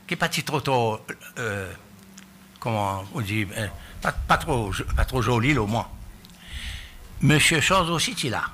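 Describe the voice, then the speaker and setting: A man giving halting testimony at a public hearing, often restarting as he searches for words. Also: medium pitch, bright, forceful tone, slight background noise. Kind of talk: spoken testimony. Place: hearing room.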